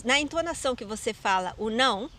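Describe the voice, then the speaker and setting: A woman's voice: fairly high pitch, animated, fast talker, fairly bright tone, a little hiss or hum. Brazilian woman hosting a casual chat. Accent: Brazilian Portuguese. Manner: leads the talk by quizzing her guest. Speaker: host.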